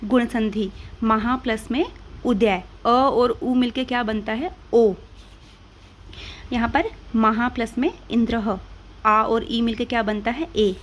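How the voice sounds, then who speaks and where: A woman's voice: on the high side, slow pace, a little hiss or hum. An Indian woman teaching grammar, patiently asking and answering her own questions step by step. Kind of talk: classroom-style explanation.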